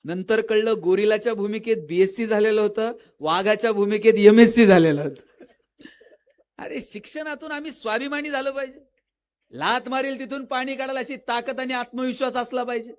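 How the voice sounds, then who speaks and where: A man giving a lively motivational lecture at a school event, telling funny stories and acting out the characters' lines. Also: very high voice, moderate pace, clear, resonant tone. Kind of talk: public lecture with storytelling.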